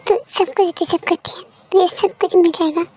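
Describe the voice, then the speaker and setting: A woman voicing a male friend gently coaxing the bride to stop crying. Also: very high-pitched, steady tone, brisk. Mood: comforting. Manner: soothing, coaxing.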